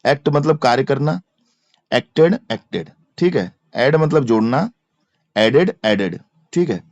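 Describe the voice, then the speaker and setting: Very animated yet measured in pace, a medium-pitched man with a darkish tone and a Hindi accent delivers exam-prep grammar, spelling words out and repeating each verb form. There is no echo on the dry, slightly dull lo-fi recording.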